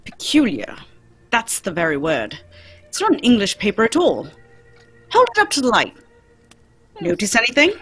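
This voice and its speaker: A woman's voice: mid-range voice, wildly swooping pitch, fairly bright tone, slightly rough, faint music behind, heavily acted. A woman playing Sherlock Holmes as a keen, confident, courteous male detective in a theatrical radio play reading. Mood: keen, instructive. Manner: theatrical, brisk, instructive. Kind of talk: live radio play reading, old-time radio acting.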